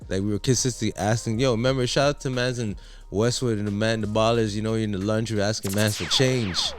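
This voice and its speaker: A man's voice: fairly low pitch, fast talker, soft background music. Slangy, joking man talking sports. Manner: animated, slangy, joking, repeats himself. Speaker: co-host. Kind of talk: casual sports chat.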